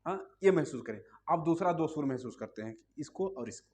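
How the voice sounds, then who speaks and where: A man's voice: fairly high pitch, expressive, brisk, darkish tone. A man teaching a music lesson, explaining patiently step by step and asking listeners to hum along.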